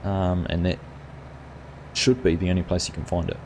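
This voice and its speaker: Low-pitched and moderately paced, a middle-aged man with a New Zealand accent chats easily with viewers on his live gaming stream, a little hiss or hum in the audio. He uses plenty of fillers, reads out comments, and addresses people in chat by name in a relaxed, talkative way.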